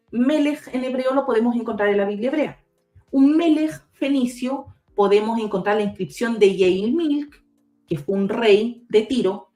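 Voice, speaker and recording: A woman guest on a video call, patiently explaining and spelling out letters one by one like a teacher. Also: medium pitch. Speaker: guest researcher. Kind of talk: explanatory talk with slides.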